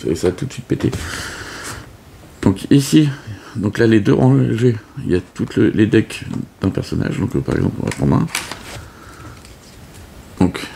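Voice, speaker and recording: A man's voice: lowish voice, expressive, normal speed, creaky, pauses often, warm tone, a little hiss or hum. A man casually explaining a board game setup, hesitant with many fillers and restarts. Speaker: board game video host. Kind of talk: casual unscripted game tutorial.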